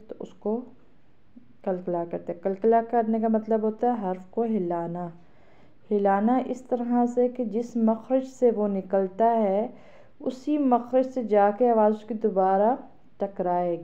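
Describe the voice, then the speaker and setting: A woman with a Pakistani Urdu accent teaching Quran reading. She spells each letter out slowly and loudly, then explains softly and quickly. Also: medium pitch. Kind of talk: slow syllable-by-syllable spelling drill, then explanation. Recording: tinny phone-like audio.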